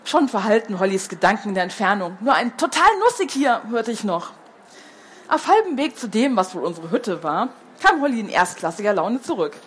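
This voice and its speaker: A woman's voice: mid-range voice, lively intonation, a little fast, a little hiss or hum. A woman reading a children's book aloud as the storyteller, who falls into hesitant fillers when she chats between passages.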